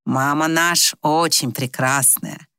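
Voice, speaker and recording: A man's voice: a little high, steady tone, takes it slowly, sharp tone, clean tone, dry recording, clean studio sound, voice pushed down, exaggerated voice. A woman voicing eager young village men who speak broken Russian. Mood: earnest. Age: young adult.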